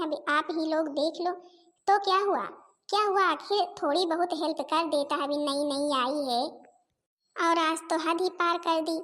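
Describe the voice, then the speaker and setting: A woman voices a put-upon cartoon housewife for a Hindi family comedy, using a very high, fairly bright voice that is pleading and talkative. Her character belongs to the weary, gossipy Indian daughters-in-law of a family cartoon, and she complains, pleads, and addresses relatives and viewers directly.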